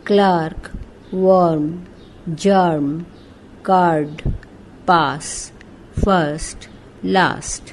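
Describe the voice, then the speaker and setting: A woman's voice: fairly low pitch, a little hiss or hum, low-quality recording. A woman reading an English textbook aloud, spelling each word letter by letter, then saying it and giving its meaning. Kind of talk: slow spelling and pronunciation drill.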